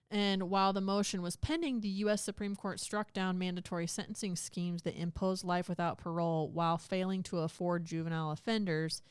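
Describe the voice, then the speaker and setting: A woman's voice: fairly low pitch, clear, resonant tone, dry recording, clean studio sound. A woman co-hosting a podcast, chatting casually and retelling a legal case in plain words. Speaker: podcast co-host. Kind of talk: casual chat.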